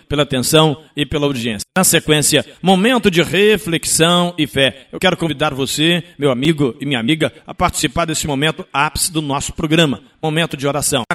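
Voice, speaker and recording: Brazilian male radio host, emphatic and colloquial, with a fairly high, sharp, forceful voice. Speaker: sports radio show host. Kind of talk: conversational sports radio monologue.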